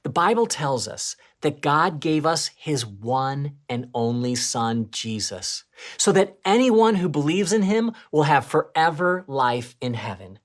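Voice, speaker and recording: A woman with a low voice, going a little slowly, shares presenting duties on a scripted children's church lesson. She tells the story with broad pitch swings, turning from excited to hushed.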